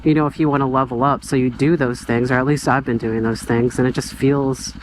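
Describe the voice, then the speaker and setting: This young man's mid-range voice holds a steady tone and a fairly quick pace as he vents casually while driving. Vlogging from his car on the road, he rambles quietly and reflectively, hesitating with fillers and restarts, as road and engine noise hums in the background.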